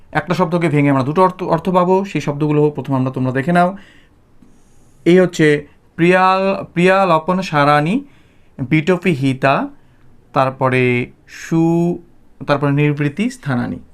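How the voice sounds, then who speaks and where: বাংলা টানের এক পুরুষ শিক্ষক, ক্লাস-লেকচারের ঢঙে ধৈর্য ধরে বোঝাচ্ছেন, শব্দ ভেঙে ভেঙে ধীরে বারবার বলছেন।. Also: male voice, fairly high pitch, clear, resonant tone. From Bengal, India. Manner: patient, repeats and breaks words apart slowly. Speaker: Sanskrit teacher. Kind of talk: explanatory class lecture.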